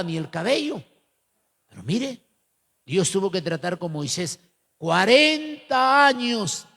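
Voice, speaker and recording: Ecuadorian male preacher, very high gravelly voice, lively storytelling sermon, long church-hall reverb. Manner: animated, addresses listeners as brother, rising to shouted fervor.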